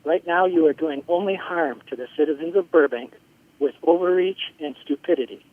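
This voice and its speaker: A man's voice: a little high, moderate pace, no echo. Angry man on a tinny phone call. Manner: indignant, scolding. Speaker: public comment caller. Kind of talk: public comment. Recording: tinny phone line with faint hiss.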